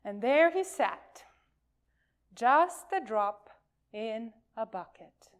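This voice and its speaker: Reading a children's story to a congregation, a woman uses a slightly high, expressive voice. Her telling is full of emphasis and well-placed pauses.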